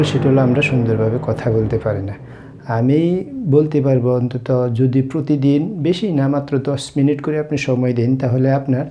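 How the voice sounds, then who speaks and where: Very dark-voiced man teaching phrases. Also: medium pitch. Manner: explains phrases slowly, repeating each one. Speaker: language teacher. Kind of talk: casual spoken lesson.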